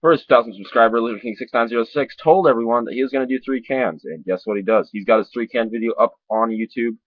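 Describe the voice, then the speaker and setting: A man talking with a lip full of dip, giving a casual, rambling, sweary and halting review to camera. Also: medium pitch, no room sound. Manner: sweary, informal, halting and repetitive. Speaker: dip reviewer on a video channel. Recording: dull lo-fi sound.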